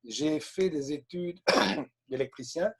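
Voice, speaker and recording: A Belgian man about to turn sixty, hosting a live webinar as a sales trainer and talking off the cuff with many pauses and hesitations. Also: a little high, a bit bright, breathy edge. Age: 50s. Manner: unscripted and rambling, with frequent hesitations. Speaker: webinar host and network marketing trainer.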